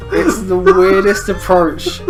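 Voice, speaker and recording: A man talks slowly, his pitch swinging widely as he laughs his way through a loose comedy chat. He swears freely, and faint music plays underneath. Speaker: podcast co-host.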